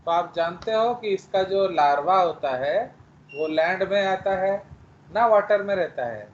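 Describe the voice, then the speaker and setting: A male biology teacher giving an online class, explaining slowly, asking students questions and scolding them at times. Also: sits high, expressive, dull audio, a little hiss or hum. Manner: scolding, mixing Hindi with English phrases.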